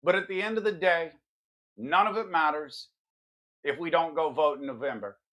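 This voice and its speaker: High-pitched man, emphatic political podcast host. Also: normal speed, a bit bright. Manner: emphatic, combative. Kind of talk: political commentary monologue and podcast talk.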